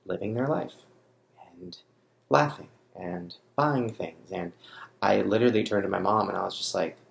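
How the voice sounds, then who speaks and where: A young man vlogs straight to the camera in a blunt, swearing, rambling way, raw with grief. His voice sits fairly low with a gravelly edge, and a roomy echo hangs around it. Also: normal speed, slight background noise. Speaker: vlogger. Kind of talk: unscripted confessional monologue to camera.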